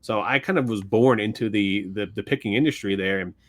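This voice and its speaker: Rambling Philadelphia-accented man. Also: fairly low pitch. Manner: rambling, quick to laugh. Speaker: podcast co-host. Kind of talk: casual chat.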